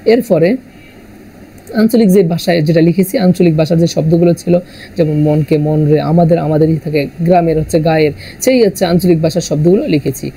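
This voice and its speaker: A man from Bangladesh explaining exam answers as a teacher, halting often with "ah" fillers and correcting himself mid-word. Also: a little high, gravelly, mellow, a little hiss or hum, rough recording. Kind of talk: exam answer walkthrough lesson.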